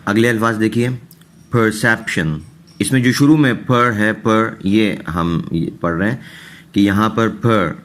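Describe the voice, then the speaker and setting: Man, very low pitch, patient teacher, repeats each word twice. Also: fairly even intonation, fairly bright tone. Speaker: English teacher. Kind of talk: recorded online lesson.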